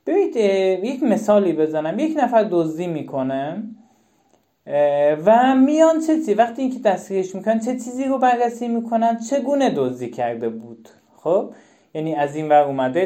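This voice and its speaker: A woman's voice: lowish voice, dark tone. A woman giving a live-stream talk to parents, emphatic and repeating her key questions. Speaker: parenting educator.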